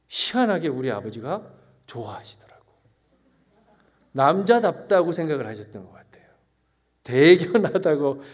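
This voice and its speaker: A man preaching a sermon in his own words, telling a story on himself with laughter, then slowing into quiet, searching reflection. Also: fairly high pitch. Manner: lively storytelling that turns slow and reflective. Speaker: pastor.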